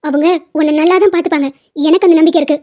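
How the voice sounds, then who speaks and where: A woman's voice: sits high, steady tone, very fast, close to an everyday voice. A woman voicing a stern, domineering middle-aged mother in a cartoon drama, harsh and scolding. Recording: dull lo-fi audio.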